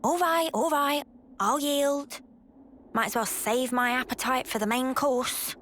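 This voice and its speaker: A woman's voice: sits high, unhurried, a bit bright, a little hiss or hum. An actress voicing a nosy, blunt young woman companion in a video game, talking in a pushy, casual way.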